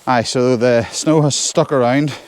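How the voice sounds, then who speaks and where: A man's voice: medium pitch, steady tone, unhurried, dry recording. A man with a Northern Irish accent chatting casually to viewers as he trudges through snow outdoors on a solo hike. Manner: talking while trudging through snow on foot. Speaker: solo hiker vlogging. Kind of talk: casual walking vlog. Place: outdoors on a snowy hill forest track.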